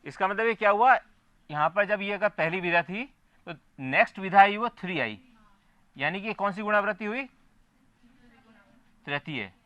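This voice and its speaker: Bright, high-pitched male physics teacher. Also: animated, normal speed, long pauses, no echo, dull audio. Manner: explains step by step, keeps checking if students follow. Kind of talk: classroom lecture. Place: classroom.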